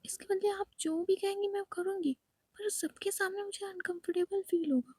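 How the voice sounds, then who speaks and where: A woman voicing a shy, proper young wife who pleads and scolds softly. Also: very high voice, steady tone, normal speed, dry recording, pitched above the performer's own voice. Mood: reluctant.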